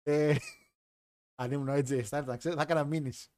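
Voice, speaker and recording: A man's voice: fairly high pitch, steady tone, a crowd in the background. A man hosting a live wrestling chat stream, talking in a joking, rambling way. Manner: chatty, joking, rambling with restarts. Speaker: wrestling podcast host.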